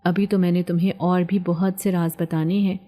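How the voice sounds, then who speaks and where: A woman doing a taunting, possessive male jinn in a low, mellow voice, read for an audio story. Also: flat delivery, close to an everyday voice. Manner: taunting, threatening. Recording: long hall reverb.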